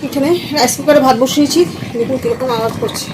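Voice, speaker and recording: A woman's voice: high voice, fairly even intonation, fast, noisy background. A young woman chatting to viewers in a casual home vlog, now and then cooing to her baby as she goes about her chores. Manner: chatty, addresses viewers directly, coos baby talk at her infant. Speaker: vlogger and young mother. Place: at home, bedroom and kitchen.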